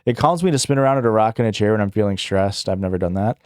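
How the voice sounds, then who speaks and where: Here a young man answers questions he reads aloud during a live stream, drifting along with fillers, restarts, self-corrections and chuckles. He talks fast in a lowish, smooth, slightly mellow voice. There's no echo, and the sound is studio quality.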